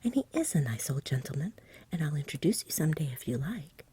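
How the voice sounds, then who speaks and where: A woman voicing a sensible, frank young boy from a storybook in a soft whisper, earnest, polite and matter-of-fact. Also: deep voice, sing-song, fairly quick, slightly rough, full character voice. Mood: frank, friendly.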